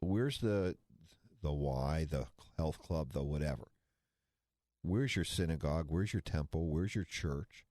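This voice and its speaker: His bass voice is mellow and unhurried, captured in clean studio quality with no room sound. He's a financial talk radio co-host in his sixties, chatting casually and drifting into folksy, rambling tangents.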